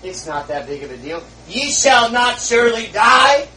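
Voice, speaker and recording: A man's voice: very high voice, sing-song, moderate pace, sharp tone, slight background noise, voice pushed up, full character voice. A man voicing the devil as a sly male tempter, soothing and persuasive. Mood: coaxing. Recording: roomy, far from the mic.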